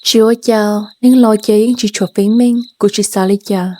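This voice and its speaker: A woman's voice: mid-range voice, steady tone, moderate pace, warm tone, close to an everyday voice. A woman playing a sorrowful young village woman. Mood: pleading.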